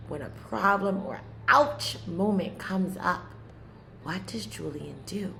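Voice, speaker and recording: A female teacher reads stories expressively to young pupils during a read-aloud lesson, teaching as she goes and pausing after her questions. Her voice sits in the mid range, with a faint hiss or hum in the background.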